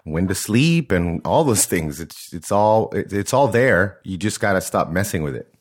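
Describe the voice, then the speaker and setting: Deep-voiced male podcast co-host. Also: very animated, moderate pace. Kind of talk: casual podcast chat.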